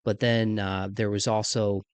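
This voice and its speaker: With a fairly low, level voice that is clear and resonant, this mid-thirties podcast host speaks at a measured pace, though congested sinuses make him sound deeper than normal. His talk is relaxed and slangy, full of "man." There's no room sound.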